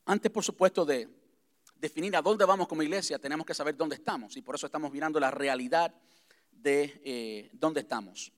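Higher-voiced pastor addressing his congregation. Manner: conversational, repeats himself, slows to spell things out. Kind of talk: church vision address to congregation. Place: church sanctuary.

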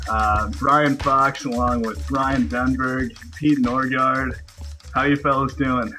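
A man's voice: medium pitch, little pitch movement, slow pace, pushed and bright, soft background music, low-quality recording. A man hosting a casual sports podcast, joking and self-deprecating with his co-hosts. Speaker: podcast host.

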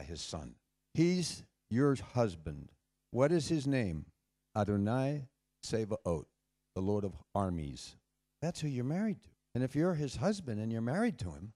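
A man preaching a sermon to a congregation in an animated way, acting out the voices he quotes. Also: mid-range voice. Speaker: pastor. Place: congregation hall, door open to wind.

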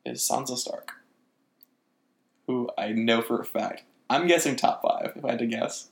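A woman co-hosting a casual chat, animated and opinionated, quick to disagree. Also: a bass voice, vocal fry. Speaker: podcast co-host.

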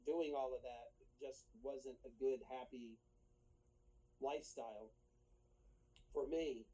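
Podcast guest: man, very dark timbre, hesitant casual talker. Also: medium pitch, husky, poor audio. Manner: halting, many ums and restarts. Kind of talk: casual interview chat.

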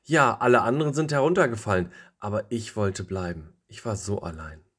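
A man's voice: lowish voice, brisk, a bit bright, breathy edge. Man playing a stubborn, lonely last leaf. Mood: forlorn. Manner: firm, stubborn insistence.

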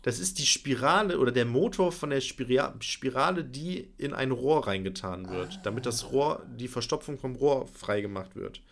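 A man's voice: medium pitch, normal speed, creaky, hardly any pauses. A man co-hosting a podcast, casually telling an anecdote and acting out his own reactions. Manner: animated, acts out his own reactions with frequent laughter. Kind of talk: casual storytelling chat.

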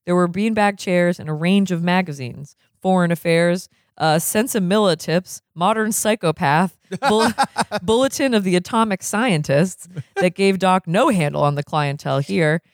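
A reader narrating a novel aloud in a relaxed way, breaking into laughter now and then. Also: medium pitch, moderate pace, no room sound, studio quality.

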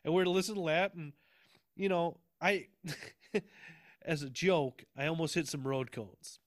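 A man's voice: on the high side, measured pace, no room sound. A man with a slightly raised voice recounts a weekend in a loose, rambling way. He laughs often and swears freely. The sound is close and dry. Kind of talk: casual recap chat.

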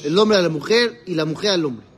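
Faint music sits behind this rabbi's fairly quick, higher-leaning voice as he leads a religious lesson for a live group. He questions his students and supplies the answers, unpacking the Hebrew passages he cites.

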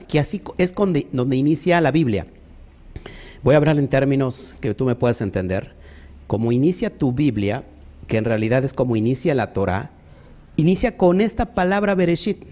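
A man teaching a sermon, stressing points emphatically, often calling out to the congregation and pausing with fillers as he searches for words. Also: mid-range voice, a little mellow. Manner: emphatic, repeats "ojo" and "amén", talks to the congregation. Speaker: preacher.

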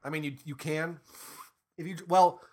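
A young man co-hosting a podcast in casual, animated chat, swearing and laughing often. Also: fairly high pitch, normal speed. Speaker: podcast co-host.

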